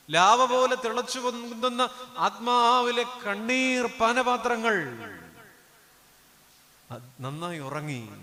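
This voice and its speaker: Male priest, sermon, high bright voice, slow dramatic delivery, long hall reverb. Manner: dramatic preaching, swinging from loud declamation to low hushed asides.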